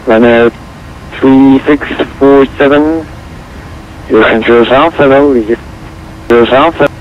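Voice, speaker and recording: A man's voice comes through a crackly headset radio, dulled as if squeezed through a narrow channel with a faint hiss behind it. He talks like an air traffic controller at work, handing out frequencies in clipped, routine phrases. His pitch is ordinary, neither high nor low. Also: slow. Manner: terse, routine readbacks of numbers. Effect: crackly radio transmission, like a headset radio.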